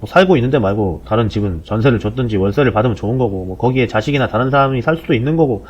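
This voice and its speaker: A man in his forties hosting a podcast, explaining things in a blunt, sardonic, casual way, heard through low-quality compressed audio. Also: rapid-fire. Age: 40s. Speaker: podcast host. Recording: dull low-bitrate lo-fi audio.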